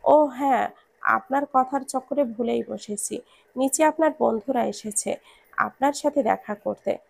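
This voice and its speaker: A timid young woman , played by the narrator herself, calling out and pleading. Her voice sits high and carries a strong gravelly fry. The audio storybook feel stays plain and close. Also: a little slow, dry recording. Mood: casual. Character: timid young woman, teasing yet meek.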